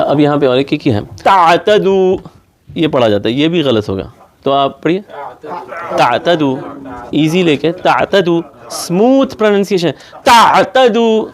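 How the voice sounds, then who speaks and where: A man teaching Quran pronunciation in a classroom, patiently repeating sounds over and over to demonstrate them. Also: high-pitched.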